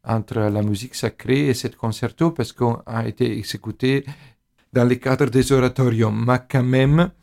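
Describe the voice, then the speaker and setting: A man with a foreign accent in French, a native Italian speaker, explains things in an interview as a musical expert, haltingly searching for words. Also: medium pitch, fairly even intonation, vocal fry, a little mellow.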